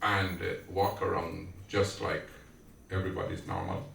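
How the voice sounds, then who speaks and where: A man's voice: low-pitched, flat delivery, vocal fry, a bit bright, slight background noise. A man from Guyana with a Guyanese accent, giving a devotional sermon at a family prayer gathering and questioning his listeners as he tells a story. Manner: slow storytelling with questions to the audience. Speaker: satsang speaker. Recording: echoey room, distant mic, faint background.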